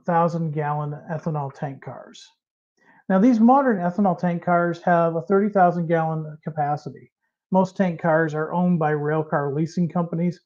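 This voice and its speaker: A man's voice: fairly high pitch, darkish tone, lo-fi sound. A middle-aged man from Central Illinois, hosting a live model train show in a folksy, chatty way, his voice a little strained from allergies. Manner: folksy, chatty, reads out viewer names. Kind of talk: casual live-stream hosting.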